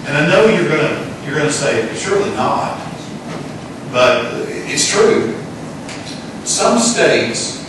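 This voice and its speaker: A man's voice: on the high side, very animated, takes it slowly, long pauses. A middle-aged man giving earnest testimony before a legislative committee, explaining and posing rhetorical questions, heard in an echoey hearing-room recording from far off. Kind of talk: spoken testimony. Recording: echoey distant room with hiss.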